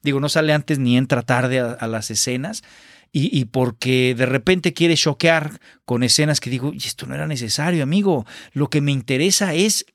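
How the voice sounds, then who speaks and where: A man's voice: mid-range voice, normal speed, no room sound, studio quality. A man giving a casual, exasperated and sarcastic spoken film review. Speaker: film critic.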